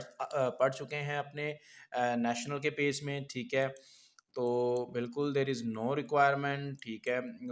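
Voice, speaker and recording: A man teaching an exam-prep lesson, explaining steadily and reading English headlines slowly, with frequent "theek hai" checks. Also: medium pitch, fairly bright tone.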